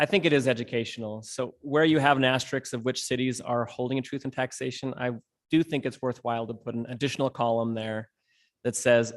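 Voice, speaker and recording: A council member speaking at a city council meeting, casual and hesitant. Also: male voice, mid-range voice.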